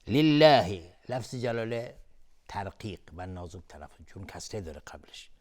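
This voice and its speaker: A man with a Persian accent teaching Quran recitation rules, chanting verses slowly and then explaining each rule quickly. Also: deep voice, lively intonation, a little mellow. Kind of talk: tajweed lesson, recitation and explanation.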